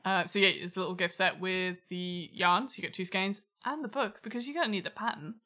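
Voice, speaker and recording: A woman's voice: fairly low pitch, a little fast, sharp tone. A woman co-hosting a podcast in casual chat, bubbly and giggly. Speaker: podcast co-host.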